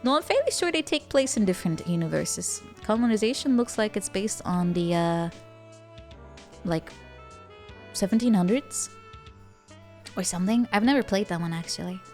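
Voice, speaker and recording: A woman livestreamer talks casually to her chat while gaming. Her manner is playful and cute, in the anime-streamer mould, at a middling pitch. Music plays clearly behind her voice. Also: lively intonation, normal speed, pauses often, a little mellow.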